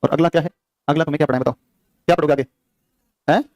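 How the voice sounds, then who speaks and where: Recorded cleanly in a studio with no echo, this young man's voice sits fairly high, steady and somewhat dark. Sore throat and all, he runs an exam-prep geography class through quick, repetitive quiz questions to drill facts into students.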